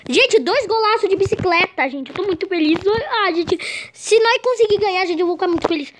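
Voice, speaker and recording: Very high, excitable young gamer girl. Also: brisk, a little hiss or hum. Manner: excitable, shrieks at goals, keeps saying "gente". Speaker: gameplay commentator. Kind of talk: excited gameplay commentary.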